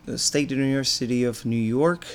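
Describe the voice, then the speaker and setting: A middle-aged man from Argentina, a business owner answering interview questions in a relaxed, rambling way with many fillers. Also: mid-range voice, moderate pace.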